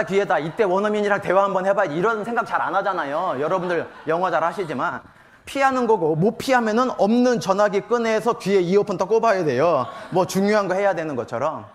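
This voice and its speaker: A man giving a humorous storytelling lecture at a church mothers' class, animated and chuckling as he goes. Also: high-pitched.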